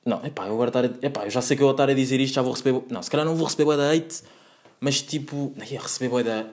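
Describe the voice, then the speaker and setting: Fast-talking young Portuguese man rambling. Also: medium pitch, a little mellow. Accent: European Portuguese. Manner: rambling, slang-heavy, many self-corrections and fillers. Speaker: vlogger. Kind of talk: casual storytime monologue.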